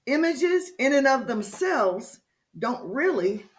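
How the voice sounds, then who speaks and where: A woman giving a prepared lecture-style talk to a discussion group, speaking slowly and with emphasis. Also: sits high, big pitch swings. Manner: slow, deliberate and emphatic. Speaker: speaker leading a discussion series.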